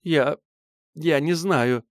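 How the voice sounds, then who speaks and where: A man reading an audiobook voices a furious, sobbing young noblewoman who lashes out in shrill, hissing outbursts. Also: very slow, dry recording, studio quality. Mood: shaken. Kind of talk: audiobook character voice.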